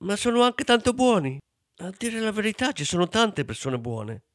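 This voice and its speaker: A man voicing a cheeky, stubborn young girl in a storybook, with a high squeaky pleading voice. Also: big pitch swings, normal speed, no echo, clean studio sound. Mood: sweet.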